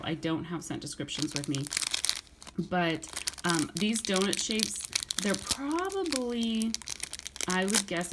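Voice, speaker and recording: A middle-aged woman vlogger chats casually in a haul video, her lowish voice slightly hoarse as if she's fighting off a cold. She rambles, restarts sentences, and fills pauses with fillers, while a faint hiss of noise runs underneath.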